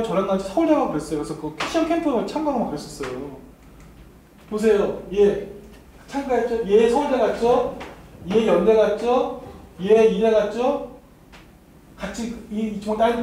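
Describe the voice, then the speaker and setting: A very high-pitched man with a darkish tone lectures at an academy's university admissions seminar, teasing the students, addressing them directly and laughing often. The mic is far off in a very echoey hall, with a faint hiss underneath.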